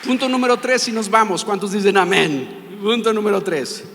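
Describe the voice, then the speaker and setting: A man with a Mexican accent preaching a sermon in a church, with a very high voice. He stresses each point and keeps putting questions to the congregation. A long reverb from the large hall trails after his words. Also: moderate pace, a bit bright, some chatter behind, slight background noise. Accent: Mexican Spanish. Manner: emphatic, asks the congregation questions. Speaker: pastor. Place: church sanctuary.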